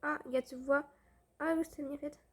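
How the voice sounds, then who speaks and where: High-voiced woman gaming. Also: fairly even intonation, fast. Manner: chatty, with fillers and restarts. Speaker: gaming video host. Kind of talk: casual gameplay commentary.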